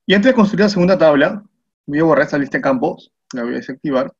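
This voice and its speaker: A man's voice: on the high side, animated, fast talker, breathy edge. A man with a Peruvian Spanish accent teaching a spreadsheet class as a screen tutorial, patiently talking through each step and often checking in with his viewers. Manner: patient step-by-step explaining, asks "¿no?" and "mira" often. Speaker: spreadsheet instructor. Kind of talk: screen-recorded software tutorial. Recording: muffled lo-fi voice recording.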